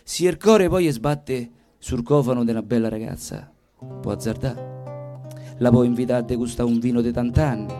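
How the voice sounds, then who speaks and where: A warm, mid-range male voice at a moderate pace, with plucked guitar music in the background. A stage performer and singer with a Roman accent, he delivers a theatrical, comic monologue in a colloquial, rhythmic storytelling style.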